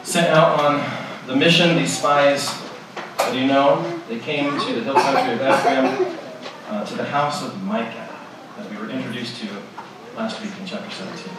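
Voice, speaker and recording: A man's voice: medium pitch, fairly even intonation, normal speed. A man preaching a sermon in a conversational way, posing rhetorical questions to his listeners. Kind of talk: expository sermon. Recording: echoey hall, distant mic, background noise.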